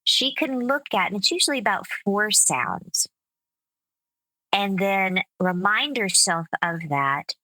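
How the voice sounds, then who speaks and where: A woman speech coach speaks slowly and deliberately, her voice bright and forward. She explains things step by step in a measured interview manner. The sound is dry and close, with no room around it. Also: medium pitch, big pitch swings, dry recording, low-quality recording. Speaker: speech coach and accent specialist. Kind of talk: conversational interview.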